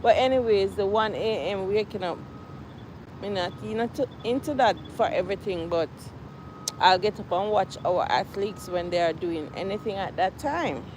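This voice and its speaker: A woman's voice: mid-range voice, expressive, normal speed. A woman with a Jamaican accent, winded from walking and sighing, chatting casually to livestream viewers outdoors. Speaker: livestream host. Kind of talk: casual live chat with viewers. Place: outdoors on a campus. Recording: noisy outdoor ambience with traffic.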